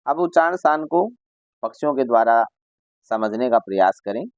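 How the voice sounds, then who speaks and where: A man's voice: medium pitch, lively intonation, normal speed, no echo, highs cut off. A male Sanskrit teacher explaining a school lesson to children. He reads Sanskrit lines, then explains each one in Hindi, and imitates bird calls as examples.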